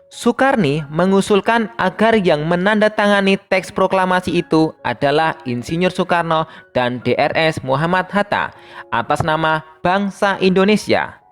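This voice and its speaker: Teacher narrating a lesson over soft music. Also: mid-range voice, expressive, normal speed. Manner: reads steadily, addressing pupils as younger siblings. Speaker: primary school teacher.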